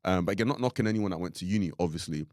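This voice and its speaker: A man's voice: sits low, very fast, darkish tone, dry recording, clean studio sound. A young man co-hosting a podcast, chatting casually in a rambling way with lots of fillers. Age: young adult. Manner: rambling, filler-heavy, full of "like". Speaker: podcast co-host.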